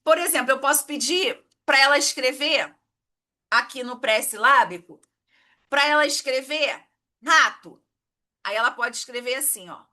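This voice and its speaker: Woman teacher, clear, high-pitched, explains patiently and keeps checking the class follows. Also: a little slow, bright, forceful tone. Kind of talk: exam-prep lesson.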